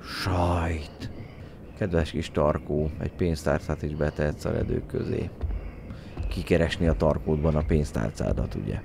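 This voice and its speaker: Excitable man with a deep gravelly voice. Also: noisy background. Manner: joking, excitable, shouts at his game character in a high voice. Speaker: game streamer. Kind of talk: let's-play commentary.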